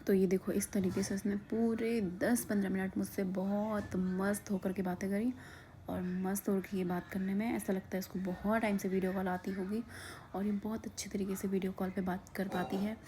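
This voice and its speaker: A woman casually narrating a vlog, often slipping into a soft whisper and laughing. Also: medium pitch, level tone, moderate pace, slight background noise. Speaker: vlogger.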